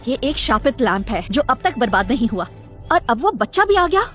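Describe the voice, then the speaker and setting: A woman's voice: on the high side, sing-song, brisk, soft background music. A woman voicing a jealous, cruel Phoenix goddess in a dubbed fantasy drama, arrogant and mocking. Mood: menacing. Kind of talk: Hindi dub of a fantasy drama.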